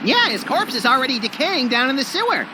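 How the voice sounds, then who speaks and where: A man's voice: extremely high pitch, sing-song, fast talker, noisy background. A man voicing a small, gleefully tactless, snide rabbit sidekick in a cartoon video game. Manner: flippant, snide.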